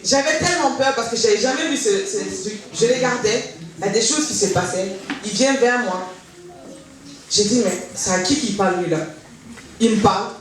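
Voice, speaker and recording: A woman giving a spoken testimony in church, telling her story in a lively way and acting out the voices of the people in it. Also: mid-range voice, normal speed. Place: church hall. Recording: echoey hall from far off, faint noise.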